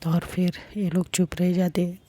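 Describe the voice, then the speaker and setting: A woman narrating a love story in a soft, often half-whispered manner. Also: on the low side, flat delivery, moderate pace, no echo.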